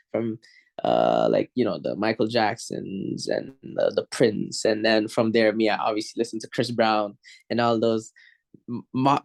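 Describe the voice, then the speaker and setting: A young Moroccan musician, appearing as a guest on an interview show, speaks in a mid-range voice. His casual talk is relaxed and rambling, and he laughs easily.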